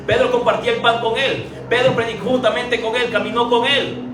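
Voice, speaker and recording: A man's voice: very high-pitched, little pitch movement, brisk, noisy background. A man preaching a sermon with emphatic repetition and rhetorical questions. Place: church. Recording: echoey church from far off, faint ambience.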